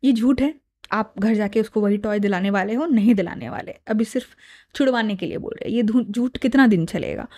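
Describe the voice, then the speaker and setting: A woman's voice: mid-range voice, expressive, brisk, a little mellow. A woman in her thirties, a mother giving parenting advice to camera in an earnest, explaining way, switching between Hindi and English, on a clip-on mic. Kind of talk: casual advice talk to camera. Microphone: lavalier mic.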